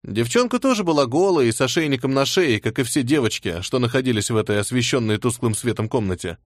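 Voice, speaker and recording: A man reading an audiobook as its narrator. His storytelling is even, at a middle pitch. The recording is dry and close, with no room sound. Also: fast, no echo. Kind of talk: scripted narration.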